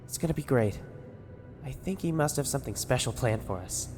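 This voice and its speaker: A man's voice: medium pitch, animated, a little fast, pitched above the performer's own voice, lightly acted. A man voicing a headstrong young woman who talks in a pushy, insistent way. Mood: hopeful. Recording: long reverb with music behind.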